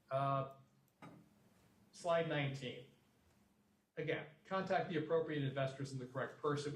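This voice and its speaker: A man lectures a business class in a plain, direct way, leaning on folksy sayings and returning to them. His voice sits at an ordinary middle pitch. The lecture room echoes around him, and he is heard from some distance off the mic. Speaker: guest lecturer.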